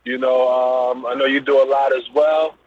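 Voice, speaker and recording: This middle-aged Brooklyn business owner, with a New York accent, talks easily about his background as a guest in a casual interview, full of loose fillers. His medium-pitched voice holds a level tone at a moderate pace, coming through a phone-like call line with slight background noise.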